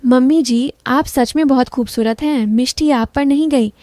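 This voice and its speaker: A woman's voice: sits high, normal speed, darkish tone, no room sound, lightly acted. A woman voicing a coaxing young son-in-law. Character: young man, a soft-spoken charming son-in-law.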